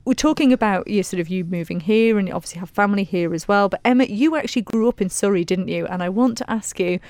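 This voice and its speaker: A woman's voice: mid-range voice, fast talker, a little mellow, dry recording. A British woman hosting a chatty radio interview. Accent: British English. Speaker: radio host.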